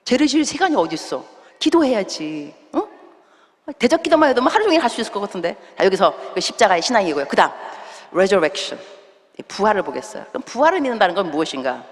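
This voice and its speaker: A woman pastor preaching a sermon emphatically, swinging between loud exhortation and hushed asides and mixing in English words. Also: mid-range voice, sing-song, quick pace. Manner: acts out quoted voices and mixes in English words. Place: large church hall. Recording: long reverb of a church hall.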